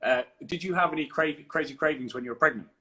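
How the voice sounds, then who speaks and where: A man's voice: fairly high pitch, quick pace, bright, forceful tone, low-quality recording. A man co-hosting a podcast, explaining nutrition in a confident, emphatic coaching manner. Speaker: fitness coach and podcast co-host.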